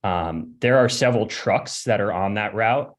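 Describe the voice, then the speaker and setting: Hesitant young man with a low voice. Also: normal speed. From Connecticut, USA. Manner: hesitant, many fillers, clears throat. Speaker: resident giving public comment. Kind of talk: public comment at a city hearing. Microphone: remote call audio.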